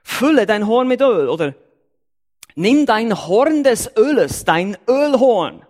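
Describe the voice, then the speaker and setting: High-voiced man preaching emphatically. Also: takes it slowly. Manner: emphatic, repeats and numbers his points, lively rises and drops in pitch. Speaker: church elder preaching. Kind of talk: Bible-teaching sermon.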